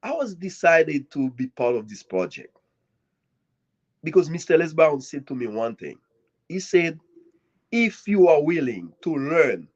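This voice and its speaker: Earnest slow-speaking man from Haiti. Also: on the high side, darkish tone, slightly rough. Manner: earnest and grateful, with swinging emphasis and dramatic pauses. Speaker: guest author. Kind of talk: speech at a live author event. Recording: dull lo-fi audio.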